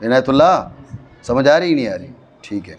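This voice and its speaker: A man with a Pakistani Urdu accent teaching a classroom grammar lesson, explaining slowly and often checking that his students follow. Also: medium pitch, very animated, soft background music. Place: madrasa classroom.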